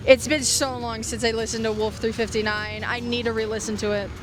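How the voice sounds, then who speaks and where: Brisk and level in tone, a woman with a slightly high voice delivers a scripted video essay reviewing fiction podcasts. Background music plays as she makes casual asides and hits key phrases with dramatic emphasis.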